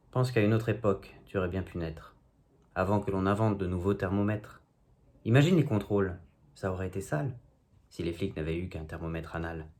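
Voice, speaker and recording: With a lowish, darkish voice, a man recites a humorous poem of his own at home, dropping self-mocking comments between verses in a casual home video.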